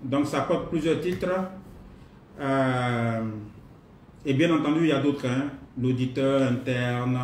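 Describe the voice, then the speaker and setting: French-speaking trainer with an unhurried manner. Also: male voice, mid-range voice, steady tone. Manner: unhurried, repeats himself, many pauses and fillers. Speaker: online course trainer. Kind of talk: live online class, greeting participants. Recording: roomy distant mic, faint noise.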